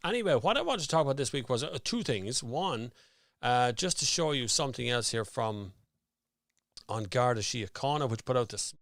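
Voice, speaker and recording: An Irish man hosting a relaxed live stream rambles chattily while sorting out his sound on air. He speaks at medium pitch and normal speed, a bit bright with lively intonation, in clean studio sound with no room noise, using a studio mic and headphones.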